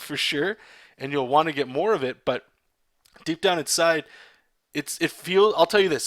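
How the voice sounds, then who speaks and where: Speaking in a slightly high, somewhat bright voice, this man is captured in a dry, studio-quality recording. He's a Canadian-accented artist streaming a drawing session, inking a comic and talking openly with viewers, his sentences wandering and starting over.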